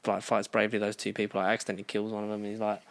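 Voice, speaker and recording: A man co-hosting a podcast rambles through casual chat loaded with fillers. He talks very fast in a lowish, monotone voice, recorded cleanly.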